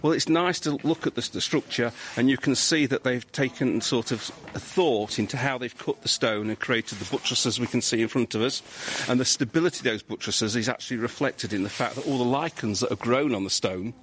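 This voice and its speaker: A man, a civil engineering lecturer, answering interview questions outdoors in a measured, explanatory way with frequent restarts. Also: medium pitch, a bit bright, slight background noise. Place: outdoors on a hillside street.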